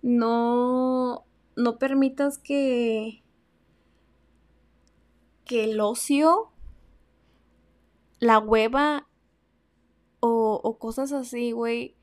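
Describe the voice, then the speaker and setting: A young woman with a Mexican accent hosting a casual advice podcast, chatty and slangy, swinging between loud emphasis and soft asides. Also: on the high side, steady tone, extremely slow, long pauses. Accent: Mexican Spanish. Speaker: podcast host.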